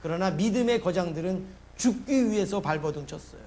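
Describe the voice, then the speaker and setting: Male pastor, middle-aged, high-pitched, emphatic sermon delivery with call-and-response questions. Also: animated, a little fast, darkish tone. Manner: emphatic, asks the congregation questions and answers them.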